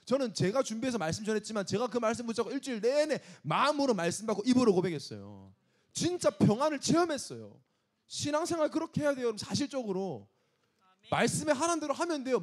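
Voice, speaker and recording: A man preaching an emphatic sermon to young adults as pastor, scolding and asking rhetorical questions. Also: extremely high pitch.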